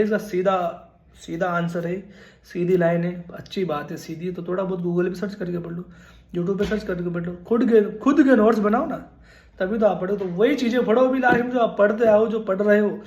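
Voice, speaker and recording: His voice high, a little fast, and darkish in tone, a man in his twenties shares casual but earnest nursing exam study advice directly to camera in an echoey room. He repeats himself often and refers to viewers as "brother."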